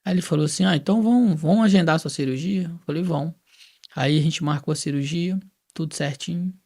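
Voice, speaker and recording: Talking fast in a fairly high-pitched voice, a Brazilian man tells his personal testimony casually, like a story. He brings it to life by acting out the quoted dialogue.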